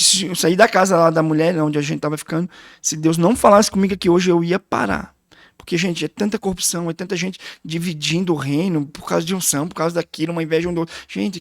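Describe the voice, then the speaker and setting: A man's voice: high voice, fairly even intonation, fairly quick, dry recording. Man, Brazilian Portuguese accent, guest pastor, emotional storytelling, dry close sound. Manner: emotional, storytelling with quoted dialogue. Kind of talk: testimony in a casual interview.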